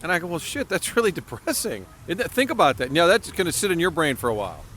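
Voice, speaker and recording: A man's voice: fairly high pitch, big pitch swings, quick pace, fairly bright tone, slight background noise. A man in his forties hosting a casual chat podcast, hyper and joking. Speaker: podcast host.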